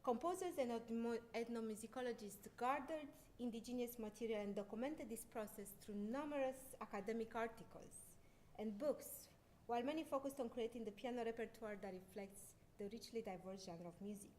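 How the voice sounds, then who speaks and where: A woman's voice: brisk, darkish tone. A middle-aged woman from Romania, a concert pianist, giving a lecture with frequent fillers and restarts. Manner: hesitant, many fillers and restarts. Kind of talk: lecture presentation. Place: lecture hall. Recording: faint background noise and rumble.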